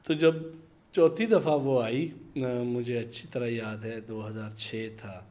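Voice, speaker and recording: A man from Pakistan, an interview guest telling a long anecdote. He pauses to hesitate and acts out the voices of the people in his story. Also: medium pitch, fairly even intonation, darkish tone. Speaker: interview guest, minority community leader. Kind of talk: conversational storytelling.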